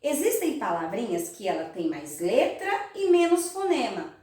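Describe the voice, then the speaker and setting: Sing-song Brazilian teacher, echoey room. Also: female voice, on the high side, big pitch swings, dark tone, recorded from a distance. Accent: Brazilian Portuguese. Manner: slow, sing-song teaching voice for young children. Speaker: primary school teacher. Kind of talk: recorded remote class lesson.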